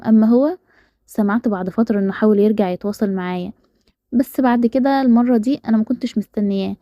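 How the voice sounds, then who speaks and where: A woman with an Egyptian Arabic accent reading a first-person story in rapid, even narration. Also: medium pitch, no room sound, highs cut off.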